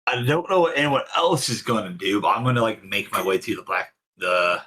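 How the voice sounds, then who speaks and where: A man's voice: fairly low pitch, brisk, bright, forceful tone, breathy edge, poor audio. Hesitant man at the gaming table. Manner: hesitant, rambling, lots of "like". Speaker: player. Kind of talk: casual tabletop play.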